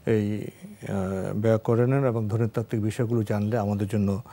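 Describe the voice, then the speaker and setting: A man's voice: on the low side, steady tone, normal speed, warm tone. A man hosting a religious question show, formally reading viewers' letters aloud. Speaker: host.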